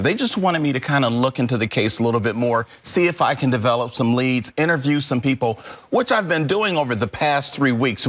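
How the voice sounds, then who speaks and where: A middle-aged man, a former homicide detective, answering questions in a live TV news interview in a measured, emphatic way, stressing key words. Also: medium pitch, fairly bright tone.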